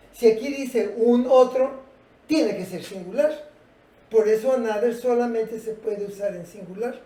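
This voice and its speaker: With a dark tone at medium pitch, an English teacher patiently works through a lesson, asking the class rhetorical questions. The sound is roomy and distant.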